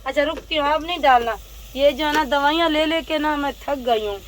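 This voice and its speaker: A woman's voice: sits high, brisk, slight background noise. A woman with a sore throat, chatting casually as she narrates her morning chores, often saying "jo hai na.". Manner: chatty, explaining each step, often says "jo hai na". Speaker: village family vlogger. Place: outdoor village courtyard in fog and wind.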